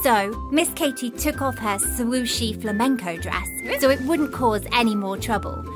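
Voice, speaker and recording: Female children's podcast storyteller with a fairly high voice, faint music behind. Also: moderate pace. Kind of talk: children's scripted story narration.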